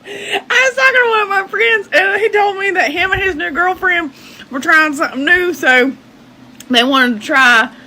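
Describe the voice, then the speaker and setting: A woman's voice: very high-pitched, moderate pace, sharp tone. A woman telling a comic story, giggling through her words.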